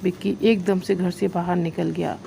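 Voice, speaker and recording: A woman reads a story aloud in a plain, steady way, with small slips. Her voice is mellow and darkish, with a faint hiss of noise behind it. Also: lowish voice, moderate pace, creaky. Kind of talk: read-aloud story narration.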